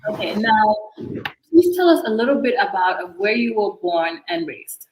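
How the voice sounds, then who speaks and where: A woman of average pitch hosts an interview show, greeting her guest and asking him questions. She sounds friendly and uses a few fillers. The sound is echoey, as if in a reverberant room. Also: big pitch swings, normal speed. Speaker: host. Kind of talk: interview hosting.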